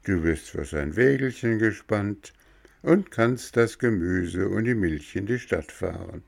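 A man voicing a kindly little marmot who gently explains a hard truth. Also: fairly low pitch, expressive, measured pace, creaky, heavily acted. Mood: explaining. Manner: gentle and patient, lecturing softly. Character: kindly small marmot neighbor, gentle and wise.

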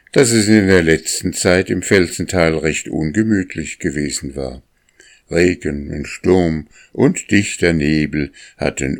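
A man narrating a children's storybook in a calm, measured reading. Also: extremely low pitch.

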